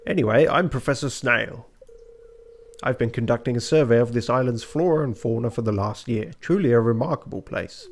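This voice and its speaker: A man's voice: mid-range voice, fairly quick, close to an everyday voice. A man voicing a chatty, very old male professor in a video game, reading his dialogue aloud. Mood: relieved. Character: chatty old male professor, cheerfully eccentric cave survivor.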